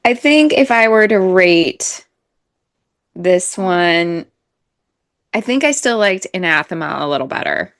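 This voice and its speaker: A woman's voice: on the low side, animated, a little slow, pauses often, fairly bright tone, no room sound, studio quality. A woman co-hosting a podcast, chatting casually about books with fillers and frequent laughs. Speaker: podcast co-host. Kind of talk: casual book chat.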